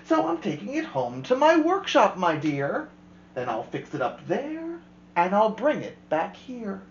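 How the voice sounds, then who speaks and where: A woman's voice: medium pitch, huge pitch swings, unhurried, reverberant, dull audio, a little hiss or hum. A woman voicing the sly, grumpy male Grinch while reading a storybook aloud.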